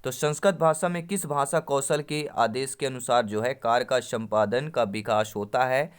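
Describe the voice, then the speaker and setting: Man teaching, smooth clear voice. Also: mid-range voice, fairly even intonation, normal speed. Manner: reads Sanskrit options, then explains them in Hindi; addresses the viewers as friends and quizzes them. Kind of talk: exam-prep lesson.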